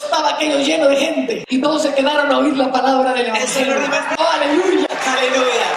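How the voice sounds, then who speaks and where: A woman preaching a sermon, telling a story animatedly with shouts and stammered repeats. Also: high-pitched. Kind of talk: sermon with testimony. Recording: echoey hall, crowd and noise behind.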